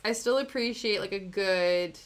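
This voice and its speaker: In an unhurried, smooth, medium-pitched voice, a young Canadian woman talks casually with her stream's viewers, adding giggly asides as she answers chat. She's at home in the UK, with faint music in the background.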